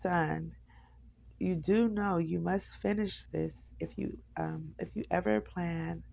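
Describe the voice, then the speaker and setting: A stern father presses his son with grave questions, read by a woman. The delivery is slow and deliberate. The voice has a heavy gravelly rasp. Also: fairly low pitch, steady tone, a little mellow, exaggerated voice. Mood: serious. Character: serious stern father, man. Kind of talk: audiobook character voice.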